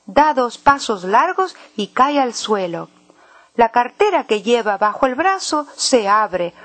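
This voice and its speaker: A woman reading a children's story aloud with a slow, clear and expressive delivery. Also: fairly high pitch, no echo. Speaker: narrator.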